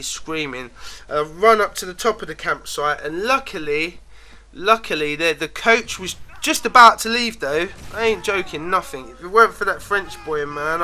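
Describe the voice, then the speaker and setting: A man spins a casual, rambling story, his voice pitched high and strikingly bright and sharp. He talks loosely and chattily, dropping filler words like a friend recounting something at home, with a faint hiss of noise underneath.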